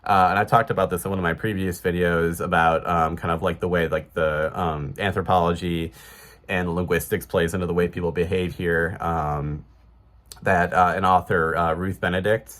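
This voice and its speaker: A man's voice: low-pitched, level tone, moderate pace, fairly bright tone. A man in his thirties with a Chicago accent, talking casually to camera in a rambling way, full of fillers and restarts. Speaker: vlogger.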